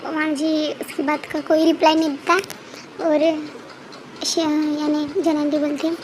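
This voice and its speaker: A woman narrating her own fan fiction in a casual, unpolished way, often stopping to restart a phrase. Her voice is very high, and a faint hiss sits under the recording. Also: level tone, mellow, low-quality recording. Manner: halting, repeats and corrects herself. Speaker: storyteller. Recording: faint background noise.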